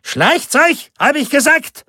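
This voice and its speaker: A man's voice: extremely high pitch, very animated, slow pace, sharp tone, dry recording, studio quality, voice pushed up, exaggerated voice. A man voicing a scrawny, sniffling bailiff who is spiteful and pompous, with a bullying, sneering manner.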